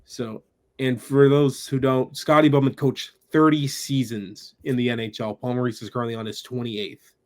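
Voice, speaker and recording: A man's voice: mid-range voice, little pitch movement, moderate pace, a little mellow. A man co-hosting a hockey podcast, chatting casually and reeling off stats and trivia. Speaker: podcast co-host.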